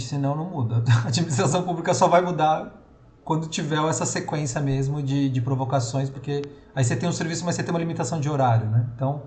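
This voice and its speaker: A man's voice: a little high, darkish tone, reverberant, slight background noise. A man with a São Paulo accent leading an online training session, talking casually with many fillers and restarts. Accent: São Paulo Portuguese.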